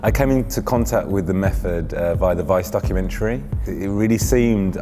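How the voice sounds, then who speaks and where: A man in his thirties from London, calmly introducing himself as a participant. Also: low voice, brisk, long reverb tail, music in the background. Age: 30s.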